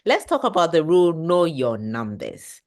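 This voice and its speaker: A woman hosting an interview, affirming her guest warmly and repeating "lovely, lovely.". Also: low-pitched, big pitch swings, normal speed. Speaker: podcast host, interviewer. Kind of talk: casual interview chat.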